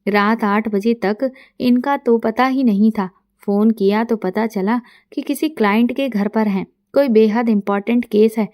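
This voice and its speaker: A middle-aged woman tells a first-person story and reads all the parts herself in a calm, even manner. Her voice sits a little high and sounds warm and mellow. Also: a little slow, hardly any pauses.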